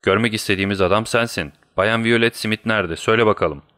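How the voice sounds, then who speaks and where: Sherlock Holmes, brisk and urgent, voiced by a man. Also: on the low side, fairly bright tone, lightly acted. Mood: commanding. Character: urgent, commanding male detective.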